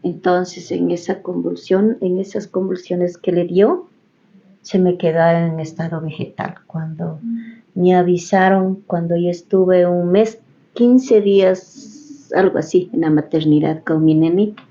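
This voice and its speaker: A woman's voice: lowish voice, fairly even intonation, measured pace, mellow, highs cut off. A middle-aged woman with an Ecuadorian accent tells her own story in a radio interview, acting out the conversations as she retells them. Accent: Ecuadorian Spanish. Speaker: interviewee, head of a families' association. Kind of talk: personal testimony on community radio.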